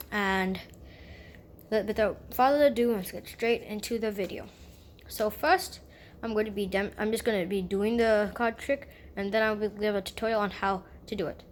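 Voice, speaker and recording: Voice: mid-range voice, a little hiss or hum. Casual card magician patter, female-sounding tutorial voice. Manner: casual, repeats and rephrases instructions. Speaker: host of a card trick tutorial channel.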